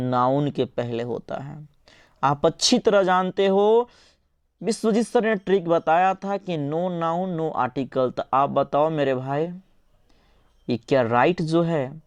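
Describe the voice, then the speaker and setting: A man teaching an English grammar lesson in Hindi, quizzing his students and answering his own questions in a coaxing, lively way. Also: fairly high pitch, smooth, dry recording. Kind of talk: online exam-prep lesson.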